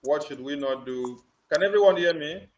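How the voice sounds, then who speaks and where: A man's voice: a little high, moderate pace. A man speaks on a conference call, addressing supporters in an emphatic, repetitive way. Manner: emphatic and repetitive, hammering points. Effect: conference call audio. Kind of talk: political address on a group call. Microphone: phone or computer on a group call. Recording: dull lo-fi conference call line.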